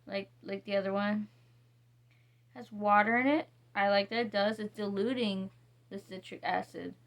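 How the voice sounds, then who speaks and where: A woman talks through a soap review in a loose, casual way. She reads ingredient names slowly and wanders between thoughts, stopping and restarting often. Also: mid-range voice, steady tone. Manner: rambling, reading ingredients slowly, with many fillers and restarts. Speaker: vlogger reviewing soaps. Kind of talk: casual product review chat.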